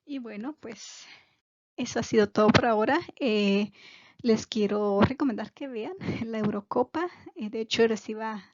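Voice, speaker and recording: A woman's voice: fairly high pitch, a little slow, dry recording, highs cut off. A woman giving a casual video language lesson, chatty and digressive with many fillers. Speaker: language teacher.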